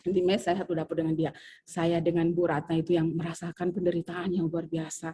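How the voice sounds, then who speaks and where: A woman teacher, telling a personal story in a chatty, animated way during a training session. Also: fairly low pitch, fairly quick. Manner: animated, chatty, full of fillers. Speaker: civil service trainee.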